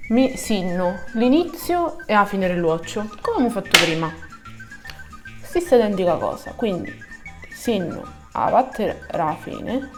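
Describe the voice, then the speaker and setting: A woman with a southern Italian, Sicilian accent giving a casual, colloquial step-by-step makeup tutorial in dialect, often repeating words for emphasis. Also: fairly low pitch.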